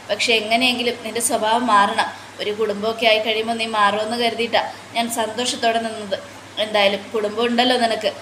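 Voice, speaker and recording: A woman speaks as a gravely ill young mother from a TV serial, earnest and pleading, her voice set a little high. The words come through a roomy, echoing space. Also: fairly bright tone, slight background noise, lightly acted. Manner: earnest, pleading retelling of dialogue. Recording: roomy echo.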